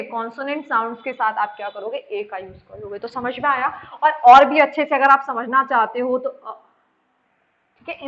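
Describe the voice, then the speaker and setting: High-voiced woman teaching a grammar lesson. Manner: repetitive, quizzing students with questions. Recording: dull lo-fi sound.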